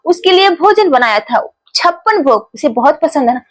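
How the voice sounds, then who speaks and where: A woman's voice: sits high, expressive, normal speed. A woman voicing an old male devotee who complains bitterly about an unanswered wish. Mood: resentful. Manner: complaining, grumbling.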